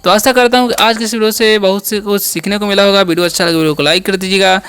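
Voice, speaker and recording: A man's voice: high-pitched, steady tone, quick pace, a bit bright, clean tone. A man teaching English vocabulary in a spoken lesson, asking a question and answering it himself again and again. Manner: repetitive call-and-response teaching, asks and answers his own questions.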